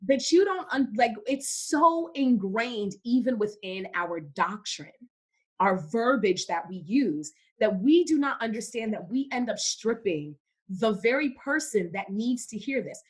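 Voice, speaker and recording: A woman's voice: on the high side, animated, unhurried, breathy edge. A young woman from Cameroon, a podcast guest in casual faith-based conversation, who speaks emphatically and repeats words for stress.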